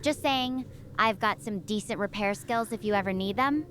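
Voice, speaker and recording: This computer-generated woman voices a stranded young space researcher who chats away and asks lots of questions out of curiosity. The pitch is medium, the pace moderate and the tone fairly bright, lightly acted, with a little hiss or hum.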